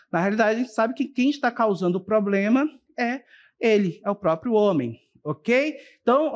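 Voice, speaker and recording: A teacher giving a televised school lesson, explaining step by step and often checking in with the class. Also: mid-range voice. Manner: addresses students directly and warmly as a group. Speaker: Portuguese teacher.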